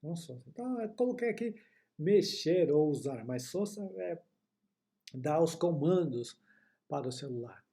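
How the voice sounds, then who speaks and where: A man's voice: a little high, expressive, measured pace, dark tone. A man with a Brazilian accent teaching Japanese in an online lesson, explaining patiently and often checking that listeners follow. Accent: Brazilian Portuguese.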